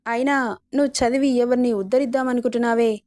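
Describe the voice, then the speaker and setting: Menacing young male villain, taunting and cruel, voiced by a woman narrator; flat, higher delivery, dry sound. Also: quick pace, no echo, close to an everyday voice. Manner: threatening, taunting.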